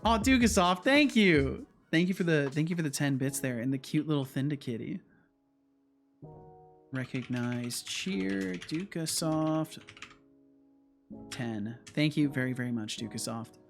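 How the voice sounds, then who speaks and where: A man's voice: medium pitch, unhurried, vocal fry, long pauses. A man hosting a casual livestream, thinking aloud as he works and chatting with viewers. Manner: thinks aloud, hums to himself. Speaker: game developer livestream host. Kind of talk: casual livestream chat while coding. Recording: music behind the voice. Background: music.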